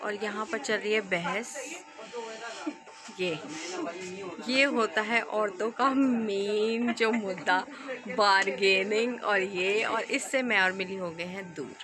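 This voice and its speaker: A woman's voice: medium pitch, slow pace. A woman in her thirties, chatting to her viewers while she shops in a busy mall, filming on a phone held at arm's length. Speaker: vlogger. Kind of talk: casual shopping vlog narration. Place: busy indoor shopping mall. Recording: loud mall background noise.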